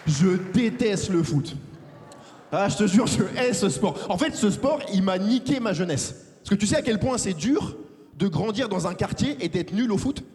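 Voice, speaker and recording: A young man from France doing a lively stand-up comedy set, acting out characters in a big theater. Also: high-pitched, normal speed. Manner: animated, acts out characters. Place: large theater stage with audience. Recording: live hall reverb.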